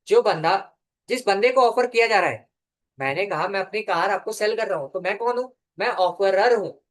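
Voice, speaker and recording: A young man giving a law lecture, dictating definitions slowly and answering his own questions as he teaches. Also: high voice. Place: classroom or studio.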